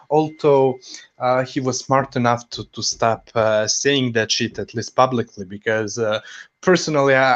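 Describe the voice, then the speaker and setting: A man co-hosting a casual boxing podcast, talking haltingly with many fillers and restarts. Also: mid-range voice. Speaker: podcast co-host. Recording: dull lo-fi sound.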